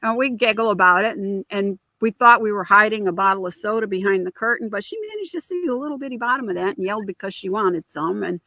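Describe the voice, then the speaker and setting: A woman tells a personal family story as an interview guest, earnest and heartfelt. She slips into the voices of the people she quotes. Her voice sits at a middle pitch and is recorded close and dry. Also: lively intonation, fast talker, few pauses, pushed and bright, dry recording, rough recording. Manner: earnest, acts out quoted dialogue.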